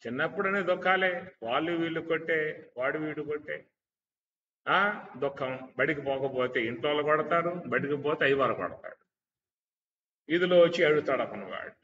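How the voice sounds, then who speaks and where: A man with a bright, sharp voice gives a spiritual discourse on scripture, often asking his listeners rhetorical questions and chanting Sanskrit verses. He sounds set back from the microphone, and a long reverb trails his words in a dull, muffled recording. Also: on the high side, normal speed, long pauses, far from the mic, slight background noise. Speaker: spiritual teacher.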